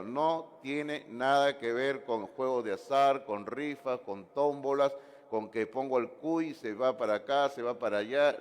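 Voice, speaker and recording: A man preaching a sermon as pastor, animated, with asides and jokes to the congregation. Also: mid-range voice, in a large hall. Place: church sanctuary.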